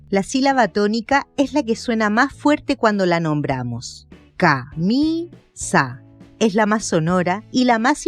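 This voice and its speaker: Lively woman narrating a lesson over music. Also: medium pitch. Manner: clear, deliberate explanation with spoken examples. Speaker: teacher. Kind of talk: scripted educational narration.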